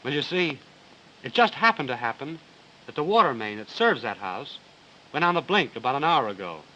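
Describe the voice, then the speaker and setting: An actor playing a breezy, confident young man with a brisk, reassuring delivery on an early talkie film soundtrack. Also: mid-range voice, big pitch swings, bright, forceful tone, highs cut off, a little hiss or hum. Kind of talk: 1930s film acting.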